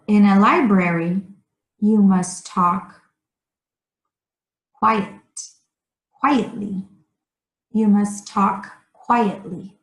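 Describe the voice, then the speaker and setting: Woman, ESL teacher, very slow careful delivery, repeats key words, roomy echo. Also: medium pitch. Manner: speaks slowly and deliberately, repeating key words. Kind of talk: slow, clearly enunciated grammar lesson.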